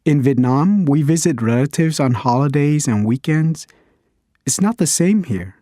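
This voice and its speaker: A reflective man from Vietnam, thoughtful in a scripted textbook interview. His voice is mellow and dry, very close to the mic. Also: on the high side, animated, measured pace, no echo. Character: man from Vietnam working in communications.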